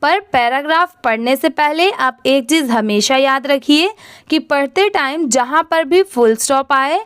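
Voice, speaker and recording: A woman teacher giving a reading lesson. She spells words out letter by letter, reads them slowly, and answers her own questions in quick explaining bursts. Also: sits high, fairly bright tone, no room sound, clean studio sound.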